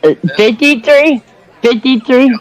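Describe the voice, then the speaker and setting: A man's voice: very high-pitched, a little slow, a faint crowd. A man in his fifties chatting casually in an easygoing, chuckling way. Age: 50s. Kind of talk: casual live-stream chat.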